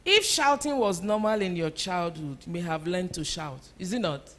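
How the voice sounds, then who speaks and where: A woman's voice: fairly low pitch, lively intonation, moderate pace, fairly bright tone. A woman speaking at a church conference to a live audience, emphatic and repeating her key phrases.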